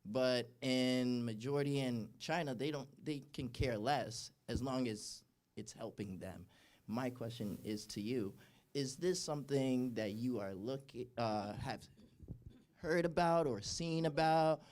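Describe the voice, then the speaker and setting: A man from Uganda speaks from the audience at a town hall meeting. His voice sits at a middle pitch, and he talks haltingly, restarting his sentences as he builds his question. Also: a little mellow. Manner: hesitant, many fillers and restarts. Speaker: audience member asking a question. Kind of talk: question from the floor. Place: town hall event, indoors.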